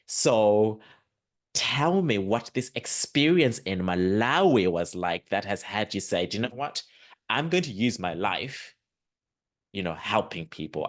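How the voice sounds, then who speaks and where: A man, hosting a podcast interview and speaking in an emphatic, earnest, animated way. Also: medium pitch, moderate pace. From Zimbabwe. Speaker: podcast host. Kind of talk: conversational interview.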